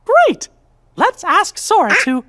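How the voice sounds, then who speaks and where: A man voicing a small, earnest cartoon mouse in a squeaky falsetto for a video game, gentle and polite. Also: sing-song, measured pace, slight background noise, heavily acted. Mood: eager. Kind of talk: video game cutscene voice acting.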